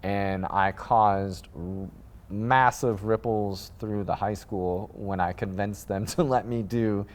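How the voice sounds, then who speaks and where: Rambling, low-voiced man from the Midwest. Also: slow. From Midwest United States. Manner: rambling, animated, with frequent fillers and restarts. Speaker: guest, sneaker designer. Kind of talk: casual interview storytelling.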